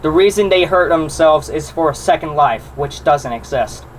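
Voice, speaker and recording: A young man with a fairly high-pitched voice banters casually in a group chat. He is brash and slangy and swears freely, over a faint layer of background noise. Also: expressive, moderate pace, rough recording.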